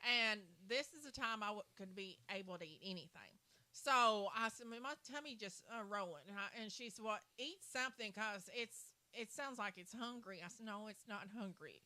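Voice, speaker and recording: Speaking at a moderate pace in a medium-pitched, bright and forceful voice, a woman casually recounts a long personal story on a livestream. She rambles, often saying "so anyway" to return to the thread and "and everything" along the way.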